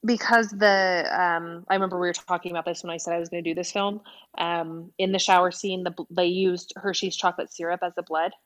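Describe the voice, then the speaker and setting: A woman's voice: on the low side, little pitch movement, brisk, a bit bright. A woman co-hosting a podcast in casual film chat, talking chattily and filling her sentences with "like" and "freaking". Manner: chatty, fills speech with "like", says "freaking". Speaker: podcast co-host.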